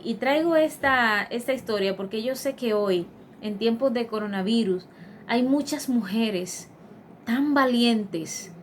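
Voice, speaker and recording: A woman's voice: a little high, slight background noise. A woman preaching a devotional sermon in an earnest, emphatic manner, with frequent fillers and restarts.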